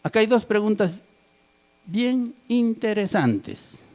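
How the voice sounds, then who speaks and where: A man's voice: sits high, animated, slow, a little mellow. A male pastor preaching a sermon, asking the congregation questions and tagging his points with "right?" and "amen". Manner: asks the congregation rhetorical questions, tags "¿verdad?" and "amén".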